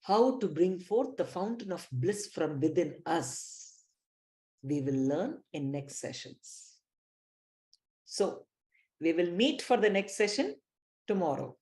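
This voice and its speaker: Woman, Indian English accent, spiritual teacher; slow, emphatic, lower-pitched delivery. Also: very animated, darkish tone. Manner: slow, emphatic, teacherly, addresses listeners directly. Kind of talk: live online spiritual class.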